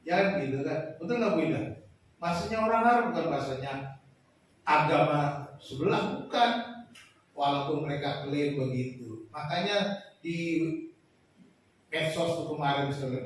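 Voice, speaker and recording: Male preacher, high-pitched and animated, distant mic in a big church hall with faint noise. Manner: animated, shouting peaks, acts out quotes. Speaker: pastor. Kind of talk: sermon.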